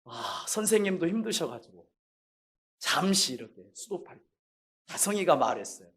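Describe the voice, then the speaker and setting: A man's voice: a little high, very animated, normal speed. Impassioned preaching male pastor. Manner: builds to impassioned shouted questions; acts out quoted people in his stories. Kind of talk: sermon with storytelling.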